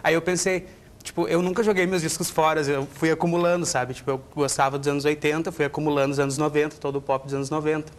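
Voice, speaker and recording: Fast, flat-voiced man rambling on a panel. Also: on the high side, slight background noise. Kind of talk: casual chat.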